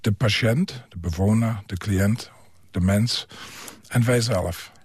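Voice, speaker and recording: Older guy with roots, low-ish husky voice, hesitant, lots of pauses, dry studio. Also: a little mellow, no echo. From Germany. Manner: hesitant, halting with many pauses and fillers. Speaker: psychiatric care worker and author. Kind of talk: radio interview.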